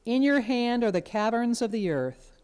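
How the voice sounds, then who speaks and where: A woman serving as lector, giving a formal scripture reading in a church in a measured, even way. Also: a little high, clean tone.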